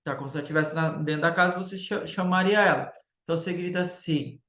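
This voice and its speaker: A male teacher giving a recorded grammar lecture, explaining step by step and checking in with the class through quick tag questions. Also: on the high side, steady tone, a bit bright, roomy sound.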